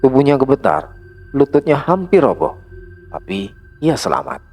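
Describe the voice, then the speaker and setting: Gravelly-voiced male horror storyteller. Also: mid-range voice, very animated, moderate pace, a little mellow, faint music behind. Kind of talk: scripted horror narration.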